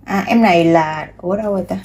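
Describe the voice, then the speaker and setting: A woman's voice: fairly low pitch, fast, a little mellow, breathy edge. A woman, showing bags one by one and chatting straight to her viewers, with many fillers. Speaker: online seller. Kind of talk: casual product showcase.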